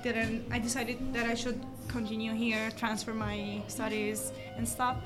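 A woman in her twenties from Kosovo, speaking English with an Albanian accent, chatting haltingly with many fillers and restarts in an interview. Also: on the high side, little pitch movement. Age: 20s. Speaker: interview guest, coffee shop worker. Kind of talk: casual interview chat. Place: basement seating of a coffee shop. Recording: music playing in a cafe. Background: music.

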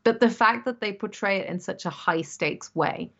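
A woman's voice: medium pitch, moderate pace, vocal fry, fairly bright tone. A woman in her thirties from England, chatting casually and rambling, correcting herself with little laughs. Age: 30s. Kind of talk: casual chat. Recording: dull lo-fi sound.

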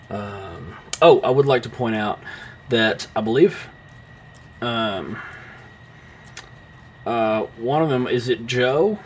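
A young man co-hosting a casual film podcast, his speech full of ums, restarts and offhand swearing. His voice sits at an ordinary pitch, with a faint hum of noise behind him. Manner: rambling, many fillers and restarts. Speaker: podcast co-host.

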